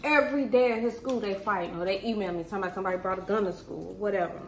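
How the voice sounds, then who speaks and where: A woman's voice: medium pitch, racing. A woman in her thirties chatting casually and bluntly over a meal with her family, teasing and swearing. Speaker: mother hosting a family mukbang vlog. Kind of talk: casual chat while eating. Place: indoors at a table in a bright home room. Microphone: camera across the table. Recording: echoey room with background noise.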